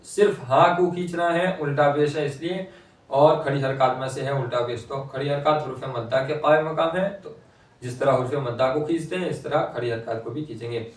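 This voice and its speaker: A man teaching Quran reading, slowly reciting each word twice and then quickly explaining the pronunciation rules. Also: medium pitch. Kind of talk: slow recitation lesson. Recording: echoey room, voice from far off.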